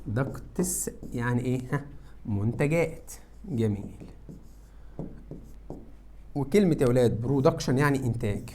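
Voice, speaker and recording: A man with an Egyptian Arabic accent teaching English to high school students, who asks questions and answers them himself. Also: expressive, moderate pace, long pauses, mellow, a little hiss or hum. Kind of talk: classroom lesson explaining exam answers.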